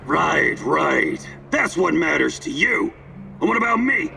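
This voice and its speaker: An actor playing a volatile, vengeful, foul-mouthed tough man in a video game, with a gravelly voice. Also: a little high, very animated, measured pace, sharp tone, a little hiss or hum, heavily acted. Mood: furious, bitter. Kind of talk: video game dialogue acting. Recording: slightly distant, music behind.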